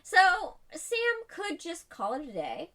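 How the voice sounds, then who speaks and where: Woman podcast co-host, casual comic storyteller, lively swooping voice, giggly. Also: high-pitched, slow pace, background noise. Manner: playful, giggly, chatty.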